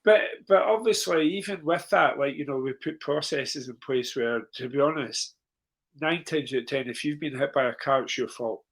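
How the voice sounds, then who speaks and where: Animated middle-aged man telling stories. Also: moderate pace. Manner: animated, jumps in pitch when excited, calm quoted asides. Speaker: guest on a cue sports talk show. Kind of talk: conversational storytelling.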